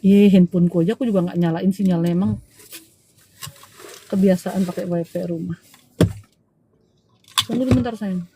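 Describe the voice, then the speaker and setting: A woman's voice: lowish voice, fairly even intonation, normal speed, pauses often, mellow, a little hiss or hum. A woman with a Balinese Indonesian accent, hosting a live stream as a spiritual healer in a chatty, teasing way and calling viewers dear. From Bali, Indonesia. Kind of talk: casual live-stream chat.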